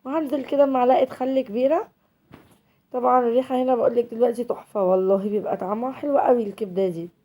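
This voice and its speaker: A woman's voice: on the high side, fairly even intonation, very fast, mellow. An Egyptian woman with a cold, hosting her home cooking channel and chatting directly to viewers as she cooks. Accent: Egyptian Arabic. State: has a cold.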